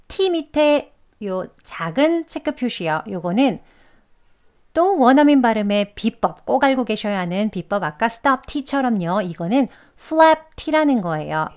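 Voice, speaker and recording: A woman with a Korean accent teaching English pronunciation, slowly and carefully demonstrating each sound. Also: a little high. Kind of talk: pronunciation lesson.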